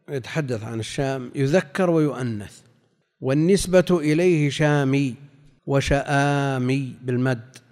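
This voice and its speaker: A man's voice: on the high side, a little mellow, big-room sound. A man teaching a classical text lesson, reading passages aloud, explaining them and putting questions to his students. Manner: reads quoted passages then explains, asks students questions.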